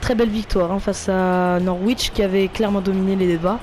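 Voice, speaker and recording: A man with a French accent giving casual play-by-play commentary of his football video game, calling out player names and getting loud when a goal comes. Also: high-pitched, steady tone, a little fast, background noise. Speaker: gaming YouTuber.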